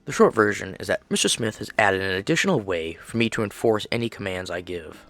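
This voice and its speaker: A man's voice: on the low side, expressive, a little fast, fairly bright tone, faint music behind. A man voicing a polite female animatronic dancer. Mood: polite, measured.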